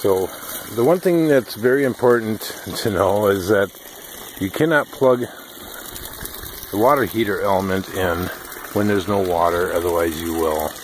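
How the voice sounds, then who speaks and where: Filming from behind a handheld camera at a rural homestead, a man with a lowish voice gives a casual how-to walkthrough of his DIY project. He takes his time, fills gaps with plenty of ums, and the recording carries a faint hiss or hum.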